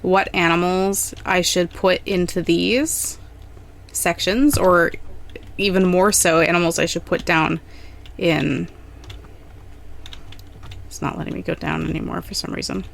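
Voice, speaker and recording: Low-voiced woman rambling over gameplay. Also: unhurried, creaky, pauses often, slight background noise. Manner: relaxed, rambling and thinking aloud. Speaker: gaming channel host. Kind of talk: casual gameplay commentary.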